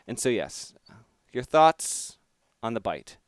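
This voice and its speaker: A man in his thirties co-hosts a sports podcast, trading wry jokes. His voice is smooth and clear, with a lively rise and fall. It sounds close and dry. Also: mid-range voice, takes it slowly, dry recording. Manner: wry, joking banter. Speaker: podcast co-host. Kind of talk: casual sports chat.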